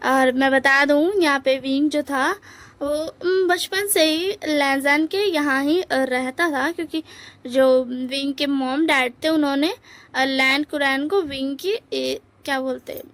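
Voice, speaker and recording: A woman's voice: high-pitched, fairly even intonation, measured pace, fairly bright tone. A woman casually narrating a story, chatty with many fillers and asides.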